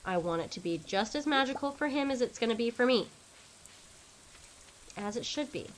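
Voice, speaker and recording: A young woman chatting casually on a gaming stream, excitable and rambling with lots of fillers. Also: a little high, normal speed, a little hiss or hum.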